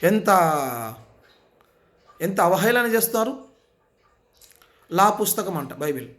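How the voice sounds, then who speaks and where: High-voiced man preaching insistently. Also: lively intonation, unhurried, a bit bright. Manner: insistent, repetitive rhetorical questions. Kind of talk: impassioned sermon.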